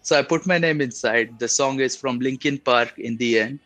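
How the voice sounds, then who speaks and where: A man's voice: mid-range voice, moderate pace, no room sound. Young Indian-accented man, casual storyteller, close dry sound. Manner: animated storyteller, laughs often. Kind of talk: casual chat.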